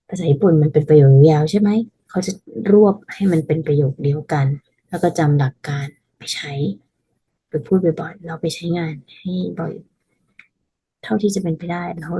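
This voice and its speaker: A woman teaching a casual language lesson, patiently explaining and repeating phrases slowly so learners can practice. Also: sits low, mellow, breathy edge, rough recording.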